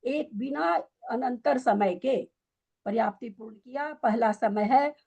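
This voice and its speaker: Woman, scripture teacher, stern, quizzing, high-pitched, gravelly. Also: a little slow, a little mellow. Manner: stern, quizzing students, rhetorical questions. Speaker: teacher of scripture study class. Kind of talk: scolding, questioning lesson.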